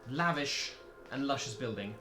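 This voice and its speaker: A man acting as game master, improvising tabletop game narration in a halting way, rephrasing as he goes. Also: mid-range voice, animated, bright, forceful tone, faint music behind. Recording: roomy echo, faint noise.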